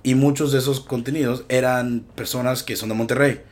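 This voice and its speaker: A man's voice: medium pitch, steady tone, brisk, a little mellow. A Mexican man from Michoacán hosting a podcast, chatting casually with lots of slang and profanity and laughing easily. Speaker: podcast host. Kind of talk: casual chat.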